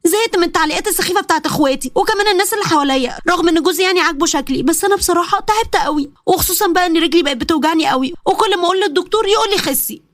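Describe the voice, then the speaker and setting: A woman's voice: very high voice, racing, hardly any pauses, no room sound, studio quality. A woman voicing a self-conscious young wife with an Egyptian accent, complaining about her weight. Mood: plaintive. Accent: Egyptian Arabic.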